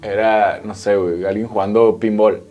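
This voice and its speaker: A man's voice: on the low side, flat delivery, normal speed, lo-fi sound. A man with a Mexican Spanish accent playing in a casual quiz, replying in a laid-back, slangy, shrugging way. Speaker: quiz contestant. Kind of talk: casual banter.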